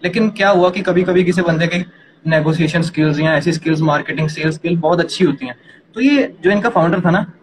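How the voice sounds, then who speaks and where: A young man casually explaining startup funding to a co-host, talking quickly and animatedly. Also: fairly high pitch. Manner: rapid, animated, addresses partner as yaar and bhai. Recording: noisy background ambience.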